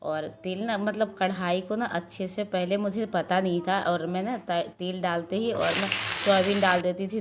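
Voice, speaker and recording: Hoarse chatty woman vlogging at home. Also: lowish voice, a little hiss or hum. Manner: chatty, rambling, frequent filler "ना". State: hoarse from a sore throat. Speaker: vlogger and mother. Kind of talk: casual cooking and daily-life vlog narration. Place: home kitchen.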